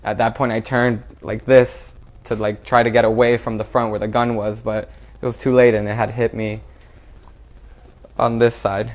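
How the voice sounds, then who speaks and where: A young man recounting a traumatic event he survived, speaking haltingly with frequent restarts. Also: fairly low pitch. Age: young adult. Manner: halting and flat, with repeated restarts. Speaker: shooting survivor. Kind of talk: recounting a personal ordeal.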